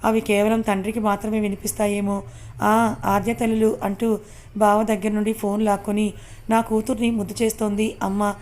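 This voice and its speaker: A woman reading a first-person story aloud as an audiobook narrator, steady and unhurried. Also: medium pitch.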